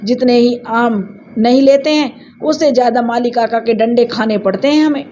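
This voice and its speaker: A woman's voice: on the high side, moderate pace, dark tone, a little hiss or hum, close to an everyday voice. A woman voicing a mischievous teenage village girl who talks in a teasing, complaining way.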